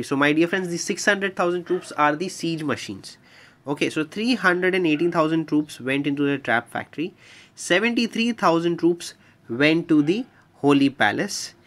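Higher-voiced man explaining a game guide. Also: fairly bright tone. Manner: explanatory, repeats points, addresses viewers as dear friends. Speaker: gaming channel host. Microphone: voice-over on screen recording.

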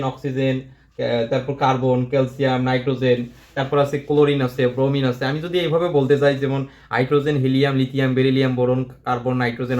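A man teaches a chemistry class and keeps repeating each question before he answers it himself. His voice sits a bit high for a man. The room echoes, with a faint hiss underneath. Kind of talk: classroom lesson, explaining at a board.

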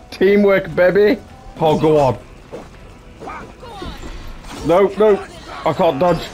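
A young man giving excitable, jokey gameplay commentary, swearing often and slipping into mock-heroic asides. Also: high-pitched, very slow, long pauses, soft background music. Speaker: gaming YouTuber.

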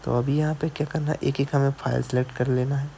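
A mobile phone repairman narrates a screen-recorded tutorial, walking through each step, checking in with the viewer often and repeatedly adding "theek hai". His mid-range voice is warm and creaky, level in tone, and he talks fast, with slight background noise in the voice-over.

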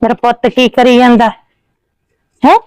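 An actress playing a loving village mother who coaxes and soothes her son with gentle repetition. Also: fairly high pitch, little pitch movement, normal speed, clean tone, no echo, close to an everyday voice. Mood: remorseful. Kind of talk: village short-film acting.

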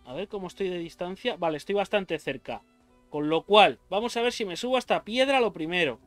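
With faint game music behind him and no room sound, a man with a high, slightly bright voice talks fairly quickly as a gaming YouTuber battling a boss. His commentary is frantic, full of swearing, yelps, and self-talk.

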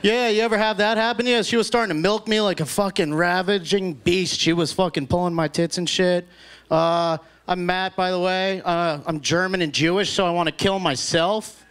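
A man in his thirties doing halting, sweary stand-up and bantering at the crowd on a handheld club microphone. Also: high-pitched, steady tone, fairly bright tone, clear, resonant tone. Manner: halting, swearing, talks at the audience. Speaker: stand-up comedian. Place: comedy club stage.

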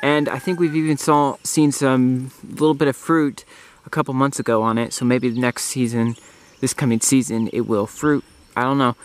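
Standing among bushes and beehives in his garden, a young man narrates a casual homestead vlog, explaining his hives in a wandering, self-correcting way. His voice is mid-range and steady, at normal speed with hardly any pauses. The camera mic, handheld or framed close, picks up buzzing bees and insects.

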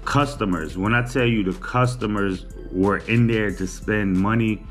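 Faint music hums behind this man as he talks about his day in a small room, his lowish voice unhurried. The vlogger, recorded by a camera on a table, keeps the casual chat laid-back, chatty and teasing.

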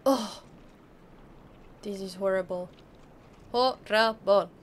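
A woman's voice: mid-range voice, measured pace, slight background noise. A woman playing a video game and commenting as she goes, anxious and exclaiming, often talking to herself. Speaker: gaming channel host. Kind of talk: let's play commentary.

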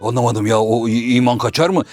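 A man voicing a simple-minded male shadow-puppet jester who stammers, mishears words and is slow to understand, in a traditional puppet comedy. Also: darkish tone, faint music behind, close to an everyday voice. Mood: puzzled. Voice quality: low, mumbling and stammering.

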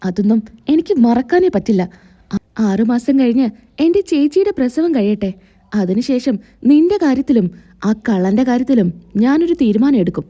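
A woman's voice: on the high side, animated, moderate pace, warm tone. A woman retelling a serial, voicing a stern young husband who speaks coldly and dismissively.

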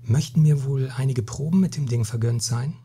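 Man reading young merchant, naive, cautious, polite, haggling, husky breathy voice, storybook. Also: mid-range voice, moderate pace, mellow. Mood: careful.

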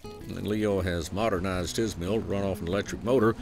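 A man with a Southern US accent narrating a documentary feature in a folksy, unhurried storytelling way. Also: low-pitched, fairly even intonation, gravelly. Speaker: program host and narrator. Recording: voice-over with music underneath.

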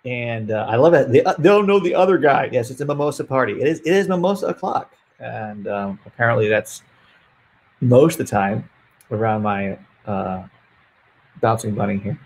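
Gravelly, husky man on a video call. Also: mid-range voice, moderate pace. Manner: relaxed, rambling, laughs often. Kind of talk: casual livestream chat. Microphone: earbuds over a browser video call.

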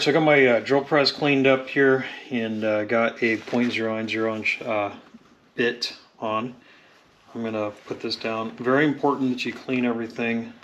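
A man talking through a mechanical repair in a home workshop, relaxed and halting with frequent fillers, recorded on a camera filming his hands. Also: medium pitch, a little hiss or hum. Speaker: mechanic demonstrating engine rebuild. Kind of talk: casual workshop tutorial. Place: home workshop at a drill press.

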